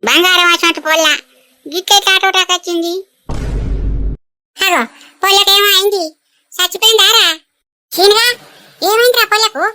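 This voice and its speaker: A woman voicing an old village grandmother in a cartoon, speaking in a shrill, wailing lament. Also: steady tone, normal speed, pauses often, sharp tone. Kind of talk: cartoon voice acting.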